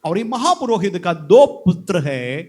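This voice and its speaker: A man with a high voice preaches a sermon in a church. He leads the congregation through scripture, repeating each line after them and breaking into calls of hallelujah. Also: big pitch swings, a little slow, darkish tone. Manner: preaching with call-and-response Bible reading and repeated hallelujahs. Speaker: pastor. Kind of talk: Hindi sermon.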